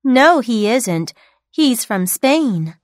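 A woman reading textbook dialogue answers for a listening test, slowly and carefully enunciated for learners. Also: on the high side, very animated, dry recording, clean studio sound.

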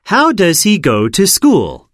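Woman with a low voice reading test questions, lots of rise and fall, slow, dry close mic. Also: wildly swooping pitch, no echo. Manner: slow, carefully enunciated questions for learners. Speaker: listening test reader. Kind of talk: scripted textbook dialogue reading.

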